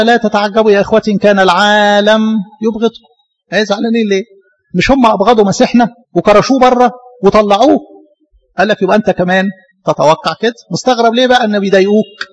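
A man with an Egyptian Arabic accent preaching a sermon, throwing out rhetorical questions and slowing down to quote scripture. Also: high-pitched. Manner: rhetorical questions, shifts between quick colloquial talk and slow scripture; animated, rising bursts of emphasis.

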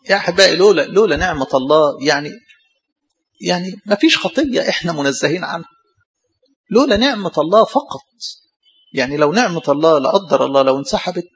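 A man with an Egyptian accent, a priest giving a sermon, animated, with mocking asides to the congregation. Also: on the high side, highs cut off. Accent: Egyptian Arabic.

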